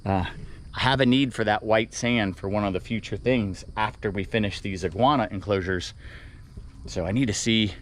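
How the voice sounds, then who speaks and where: A man's voice: lowish voice, moderate pace, slight background noise. A man hosting a vlog, casually explaining his work as he goes and out of breath from the labor. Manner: rambling, explains as he works. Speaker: animal keeper and vlog host. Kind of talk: casual vlog narration while working. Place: outdoors by animal enclosures.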